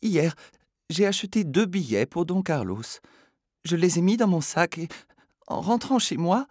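A man's voice: sits high, animated, measured pace, darkish tone, no echo, studio quality, voice pushed up. A man voicing an anxious, flustered middle-aged woman in a spoken story, pleading in agitation.

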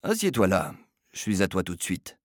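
A man voicing a calm, brisk male receptionist in a spoken story, with a sonorous, firm delivery. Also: medium pitch, no room sound, studio quality, pitched above the performer's own voice. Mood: unruffled. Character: unflappable male receptionist, brisk and dryly ironic.

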